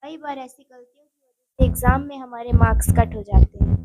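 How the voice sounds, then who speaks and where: In a spoken exam-prep lesson, a woman with a slightly high voice explains Hindi spelling word by word, chatting straight to her viewers. She talks fairly fast, and the sound is phone quality with no echo.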